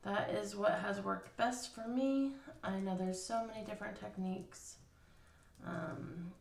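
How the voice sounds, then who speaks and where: A woman sits at a table walking through a craft step by step, thinking aloud with fillers in a casual hands-on tutorial. Her medium-pitched voice is a little slow with vocal fry, and the recording sounds roomy and slightly distant.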